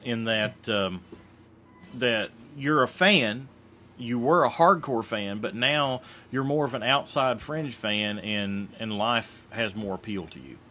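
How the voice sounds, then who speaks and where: A man's voice: mid-range voice, takes it slowly, bright, forceful tone, a little hiss or hum. A man hosting a casual group chat, asking each guest questions in turn. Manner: inquisitive, prompting each guest. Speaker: podcast host.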